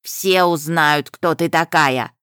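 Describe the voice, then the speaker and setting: A woman voicing a sly, desperate cursed toad spirit that howls and pleads in shrill outbursts. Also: slow, fairly bright tone, clear, resonant tone, dry recording, studio quality. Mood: threatening.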